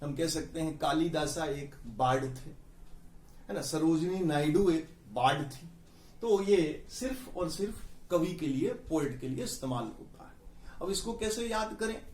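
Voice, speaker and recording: A young man with a fairly high voice teaches vocabulary at an unhurried, careful pace. He spells out words letter by letter, and the room rings with echo around him. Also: darkish tone. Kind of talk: explanatory exam-prep lesson. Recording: echoey room.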